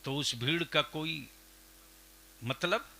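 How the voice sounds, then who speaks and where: A man preaching a fiery sermon at a public gathering, asking the crowd questions and swinging up to shouting. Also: fairly high pitch, takes it slowly. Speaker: Islamic preacher. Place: outdoor religious gathering.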